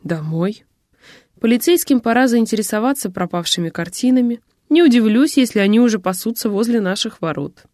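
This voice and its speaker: A woman's voice: fairly high pitch, animated, brisk, darkish tone, no room sound, studio quality, natural voice. A woman reading the lines of a curt, commanding man of means in an audiobook, with terse, clipped replies.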